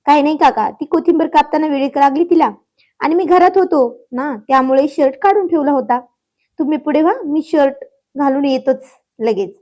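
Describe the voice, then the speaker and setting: A woman playing a young landowner husband, proud, teasing, swaggering, high voice, dull lo-fi audio. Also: moderate pace, darkish tone, close to an everyday voice. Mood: covering up.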